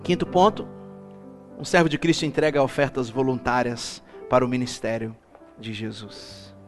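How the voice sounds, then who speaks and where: A man preaching a lively church sermon as bishop, calling the congregation to repeat after him and building up to shouts. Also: mid-range voice, moderate pace, soft background music. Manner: animated, rising to shouts, calls congregation to repeat.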